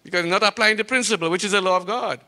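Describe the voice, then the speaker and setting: High, bright Trinidadian preacher in a reverberant church. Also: male voice. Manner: rhetorical questions, emphatic drawn-out phrases. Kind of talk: sermon. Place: church sanctuary. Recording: long church-hall reverb.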